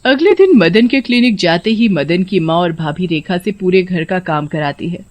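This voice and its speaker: A woman's voice: lowish voice, animated, normal speed, darkish tone. Woman narrating a folk story.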